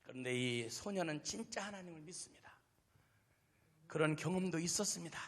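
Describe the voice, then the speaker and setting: A man pastor preaches a dramatic revival sermon, dropping to murmurs and rising to shouts. His voice sits high and bright, with wide swings in pitch. It echoes through a large hall with long reverb. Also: expressive, brisk. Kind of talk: revival sermon with acted story.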